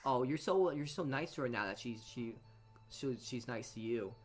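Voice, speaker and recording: A let's play host reads visual novel narration aloud with side remarks, his mid-range voice lively in intonation and moderate in pace. He stumbles over words and rereads phrases, and game music plays behind him.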